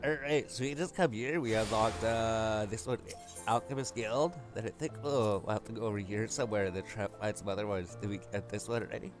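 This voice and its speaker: With a fairly low voice and a slightly fast pace, a male gaming host talks through a walkthrough casually, thinking aloud as game music plays.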